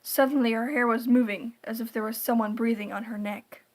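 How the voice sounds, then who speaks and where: A female narrator with a somewhat high-pitched voice reads a scripted horror tale. Her delivery is deliberate and dramatic, in the manner of creepypasta storytelling. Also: fairly even intonation, a little mellow.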